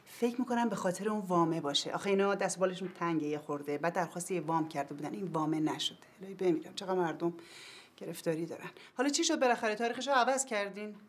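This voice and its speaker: A woman's voice: on the low side, lightly acted. A woman playing a talkative mother who fusses over her guests. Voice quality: chatty, fussing. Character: chatty hospitable mother welcoming guests. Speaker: hostess, mother. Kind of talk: TV sitcom acting.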